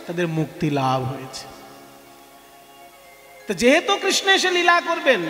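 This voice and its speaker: A male devotional preacher, explaining scripture by asking questions and repeating words for effect. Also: very high-pitched. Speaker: kirtan preacher. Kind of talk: devotional kirtan discourse. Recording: echoey hall, soft music behind.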